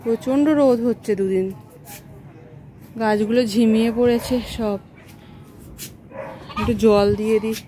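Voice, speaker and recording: A woman's voice: on the high side, fairly even intonation, unhurried, pauses often, warm tone, low-quality recording. Mom type vlogger, middle aged woman, just chatting to viewers about stuff at home. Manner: conversational, addresses viewers directly. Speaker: family vlogger. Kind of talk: casual home vlog chat.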